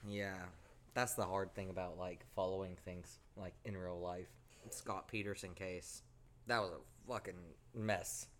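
A man's voice: deep voice, fairly even intonation, measured pace, fairly bright tone, slight background noise. A man in his twenties co-hosting a podcast, rambling in casual chat, swearing and poking fun at himself. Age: 20s. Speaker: podcast co-host.

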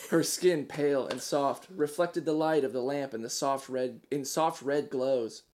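A woman co-hosting a comedy podcast, reading fan fiction aloud with deadpan delivery and wry asides. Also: very deep voice, measured pace, a little hiss or hum. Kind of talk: casual comedic read-aloud.

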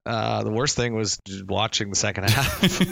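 A man's voice: on the low side, moderate pace, creaky, a bit bright, no echo. A Canadian man co-hosting a casual sports podcast, laughing often and restarting his sentences. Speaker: podcast co-host. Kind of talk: casual fan chat.

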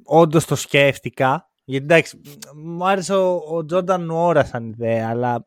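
A man's voice: fairly high pitch, dry recording, clean studio sound. A man hosting a casual podcast chat with teasing, wry asides.

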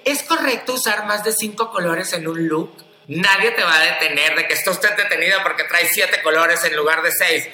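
A Mexican man with a high, sharply bright voice talks in an echoey room. He is blunt and profane, and he keeps breaking into mocking impressions of other people. His delivery is animated and fast-moving. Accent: Mexican Spanish. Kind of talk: casual podcast chat.

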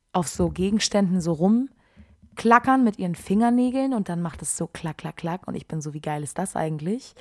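A young woman in her twenties hosting a podcast, chatting casually in a slangy, animated way and sometimes dropping into a softer voice. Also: mid-range voice. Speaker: podcast host. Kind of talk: casual chat.

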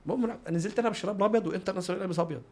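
A footballer with an Egyptian Arabic accent tells anecdotes as an interview guest, his high voice going rapid-fire. He animates his stories by acting out dialogue and sound effects.

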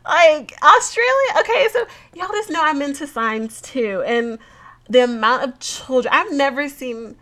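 A congested woman in her late twenties vlogs to her viewers in a casual chat, giggling often and filling her speech with fillers. Her voice is high-pitched and expressive with a sharp tone, and she talks a little slowly.

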